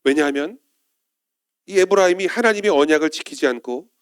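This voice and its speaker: A man's voice: fairly high pitch, brisk, smooth, no room sound, studio quality. A male pastor preaching a Sunday sermon in church, often turning to the congregation with questions.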